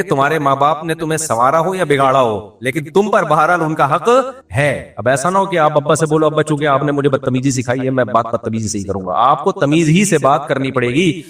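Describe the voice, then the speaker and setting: A man giving a religious lecture, telling lively stories and acting out voices in the dialogue. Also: fairly high pitch. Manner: lively storytelling, acts out voices in quoted dialogue. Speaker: Islamic scholar giving a religious talk. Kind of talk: religious lecture with humorous anecdotes. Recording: roomy, distant mic.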